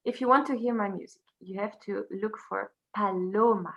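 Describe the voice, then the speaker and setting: Speaking halting English as she searches for words, this interview guest is a Belgian singer and teacher from Brussels, a native French speaker with a Belgian French accent who talks casually. Her mid-range voice is steady, creaky, and a bit bright.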